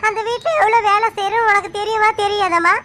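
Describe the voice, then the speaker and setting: Actress as a fed-up young wife in a family drama, high bright voice, complaining and refusing. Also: female voice, fairly even intonation, fast, slight background noise. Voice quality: complaining, indignant. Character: aggrieved young daughter-in-law, stubborn. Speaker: actor. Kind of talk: Tamil family drama acting.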